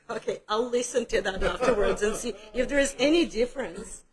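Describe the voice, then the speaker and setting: An art instructor leads a group through a casual painting demo in a studio room, chatting away and poking a little fun at herself. Her voice runs on the high side at a moderate pace, with crowd noise around her.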